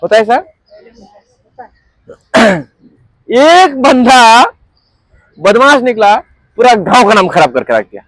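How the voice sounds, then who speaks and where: A man runs a sales training seminar in a strikingly high voice. He keeps firing questions at the room and waits for the crowd to answer back. The sound is dry, with no room echo. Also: very animated, takes it slowly, pauses often, a bit bright. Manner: quizzes the audience constantly, asks for call-and-response. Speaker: network marketing trainer. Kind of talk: interactive seminar talk. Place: training room with a group audience.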